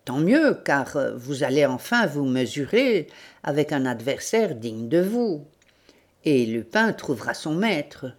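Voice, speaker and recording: A woman's voice: low voice, very animated, slow pace, heavily acted. A woman voicing an eager, talkative male police sergeant devoted to his chief.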